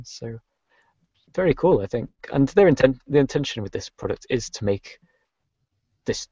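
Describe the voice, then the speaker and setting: A man's voice: medium pitch, a little mellow, dry recording. A man hosting a casual podcast and chatting over an online call, hesitant, with lots of restarts. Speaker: podcast host. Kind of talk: casual chat. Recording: dull, dry lo-fi audio.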